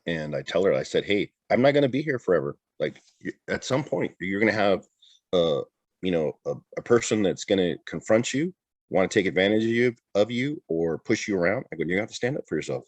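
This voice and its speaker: A man's voice: low-pitched, expressive, a little fast, no room sound. A middle-aged man talking candidly in a casual interview, often repeating and restarting his words. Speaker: interview guest, retired border patrol agent.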